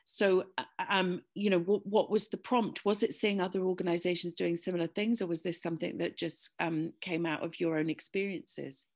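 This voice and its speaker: A woman's voice: on the low side, steady tone, moderate pace, few pauses. A woman with a British accent hosting a podcast interview, asking questions in a friendly, conversational way. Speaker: podcast host.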